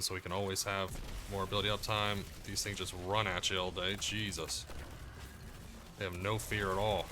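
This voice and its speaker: Guy talking through his gameplay run, kinda low bright voice, bit of hiss behind. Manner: relaxed, explains as he plays, frequent fillers. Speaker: gaming guide creator. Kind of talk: casual gameplay commentary. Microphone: desk mic, muted to cough.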